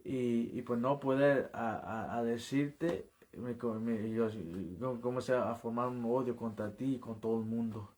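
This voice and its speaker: A man who is an evangelist, giving a personal testimony in an interview in an earnest, halting way, often repeating and restarting his words. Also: mid-range voice, steady tone, darkish tone.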